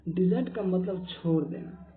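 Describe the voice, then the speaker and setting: A man's voice: high-pitched, normal speed. A male spoken English teacher giving a vocabulary lesson, repeating each word over and over for learners to copy. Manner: drills each word by repeating it many times. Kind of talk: Hindi-medium vocabulary lesson. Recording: tinny phone-like lo-fi audio with faint hiss.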